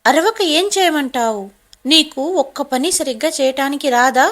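A woman voicing an angry, bossy young wife who scolds and shouts in a storybook drama. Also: high voice, normal speed. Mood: angry scolding.

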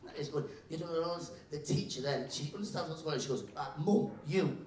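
A man performing live stand-up comedy, telling stories and acting out the people in them. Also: fast talker. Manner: animated storytelling, acting out characters. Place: live comedy venue with audience. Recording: roomy venue, mic picked up from a distance, faint rumble.

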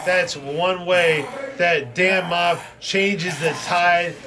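Male ringside announcer, high register, exclamatory and slangy live wrestling call over clear crowd noise. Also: fairly even intonation, very slow. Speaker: wrestling commentator. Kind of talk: excited live play-by-play wrestling commentary.

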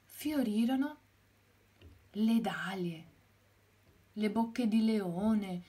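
A woman teacher reading a storybook aloud to children, expressive and with soft whispered asides. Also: medium pitch, very slow. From Italy.

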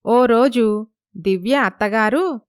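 A woman tells a scripted storybook tale in a smooth, clear voice, pitched a little high. The recording is close and dry, and she narrates evenly and at a measured pace. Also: no echo.

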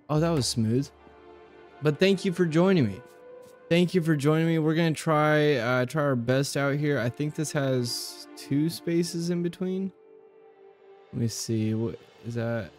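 Young male host, casual gameplay talk, unhurried and musing, faint music bed. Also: mid-range voice, darkish tone. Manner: thinks aloud, hesitant fillers, repeats himself. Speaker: game channel host.

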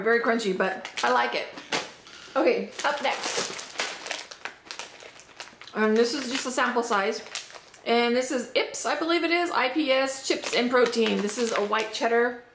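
Upbeat woman vlogger, a little hoarse, higher voice, chatty snack-tasting review in an echoey room with faint noise. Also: expressive, measured pace, long pauses. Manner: chatty, upbeat, thinking aloud. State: slightly hoarse. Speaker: unboxing vlogger. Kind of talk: casual product tasting review. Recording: roomy echo, faint background noise.

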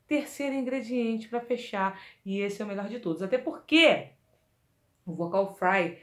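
With a medium-pitched voice at a moderate pace, a woman gives an energetic singing lesson in an echoey room. She demonstrates exercises and coaches the listener one-on-one.

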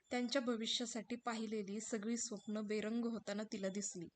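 Woman reading a story aloud, soft measured telling, slightly high voice. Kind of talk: scripted story narration.

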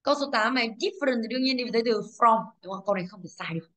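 Woman, Vietnamese accent, English teacher, exam review, rhetorical check-ins, slightly high voice. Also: racing, sharp tone, slight background noise. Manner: asks rhetorical checks, self-corrects, explains patiently.

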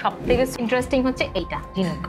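Fairly high-pitched and expressive, she talks rapid-fire over music. The speaker is a Bangladeshi Bengali-accented food vlogger giving a chatty restaurant review to camera, with English words woven into her talk.

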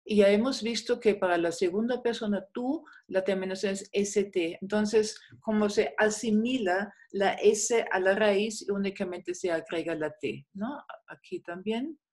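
A woman's voice: medium pitch, unhurried, hardly any pauses, darkish tone. A woman teaching a class, explaining step by step, patient, with many fillers. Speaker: German teacher. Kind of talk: online class lecture.

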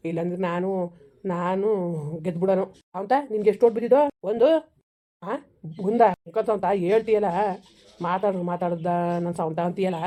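Here a woman's natural, dark, medium-pitched voice takes on a scolding rustic village man. He is older and a boastful failed candidate, and the village comedy skit runs on his fast, scolding rustic banter.

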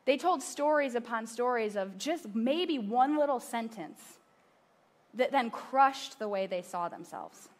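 Woman pastor on a big church stage, higher voice, chatty sermon full of little stories. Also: lively intonation, unhurried. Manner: conversational storytelling with asides to the audience.

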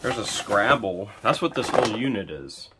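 A man's voice: lowish voice, animated, moderate pace. A man in his thirties, hosting and joking as he digs through boxes at a storage unit, recorded outdoors on a body-worn camera. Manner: chatty, joking while digging through boxes. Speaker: storage unit buyer and host. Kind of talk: casual unboxing commentary. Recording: noisy outdoor recording with handling clicks.

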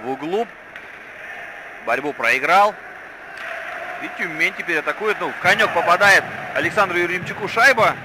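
An excited male hockey commentator pitched extremely high. He is exclamatory and often shouts. Rink noise is clearly audible behind him. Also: moderate pace, long pauses. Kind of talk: excited live sports commentary. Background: ice arena ambience.

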